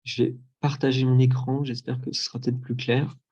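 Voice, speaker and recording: A man giving an explanatory answer as a researcher in a webinar, pausing and rephrasing as he goes. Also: medium pitch, flat delivery, a little mellow, breathy edge, dull audio.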